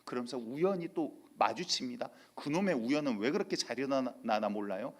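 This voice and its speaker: A male pastor delivering a sermon in church, telling lively stories and acting out quotes. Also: medium pitch, normal speed. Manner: lively storytelling with acted-out quotes.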